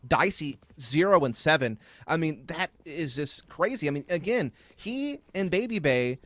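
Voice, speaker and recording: A man's voice: a little high, very animated, unhurried, a bit bright. A man giving conversational, analytical color commentary on an esports match. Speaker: esports caster.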